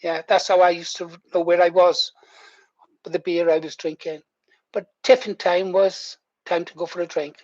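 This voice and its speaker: A man's voice: high-pitched, level tone, normal speed, darkish tone. A man over sixty, chatting casually to viewers as he hosts a livestream. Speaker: livestream host. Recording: muffled, echoey room.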